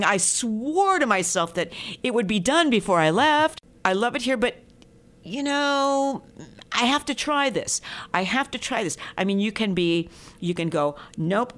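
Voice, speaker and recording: A woman's voice: mid-range voice, a bit bright. A middle-aged woman who hosts a classical music radio show speaks during an interview. Her talk is chatty and rambling, full of fillers. She is recorded in a radio studio. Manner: chatty, rambling, many "you know" fillers. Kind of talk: interview conversation.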